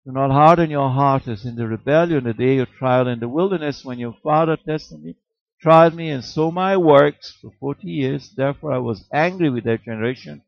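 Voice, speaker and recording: A man's voice: mid-range voice, normal speed, vocal fry, no echo. A man preaching a sermon, rhetorical and emphatic, repeating words and chuckling at his own jokes. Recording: dull, slightly muffled dry recording.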